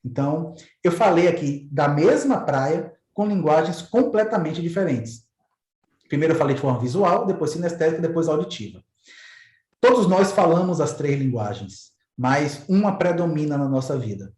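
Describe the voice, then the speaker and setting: A man explains ideas in relaxed, everyday talk and illustrates them with small stories. He often repeats a word while he looks for the next one. His voice sits a little high, and the recording sounds roomy and echoey. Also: normal speed. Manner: conversational, repeats words while searching. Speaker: host explaining neuro-linguistic programming. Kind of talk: casual explanatory talk with examples.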